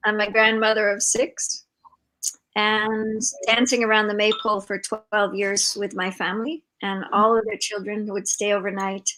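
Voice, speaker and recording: An older woman hosting a live video-call interview, talking in a warm, rambling way with many fillers. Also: medium pitch, rough recording. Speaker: host and founder of an organization. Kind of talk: casual conversational interview.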